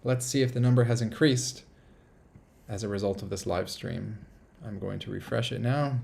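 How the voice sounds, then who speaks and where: A man's voice: on the low side, moderate pace, vocal fry, a little mellow, slight background noise. A man from the United States hosting a casual live stream from a small apartment, rambling upbeat and reading viewer comments aloud.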